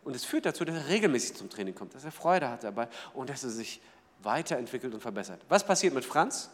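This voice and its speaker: A man preaching a sermon in a lively way, asking the audience questions and acting out small everyday scenes. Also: medium pitch, fast talker, long reverb tail. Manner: lively, asks the audience rhetorical questions, acts out little scenes. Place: church hall.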